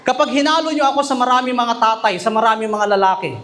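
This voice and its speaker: A man's voice: very high voice, a bit bright. A man preaching a sermon as pastor, mixing English and Tagalog and often asking the congregation questions. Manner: mixes English and Tagalog, often asks the congregation questions, reads verses slowly. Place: church chapel.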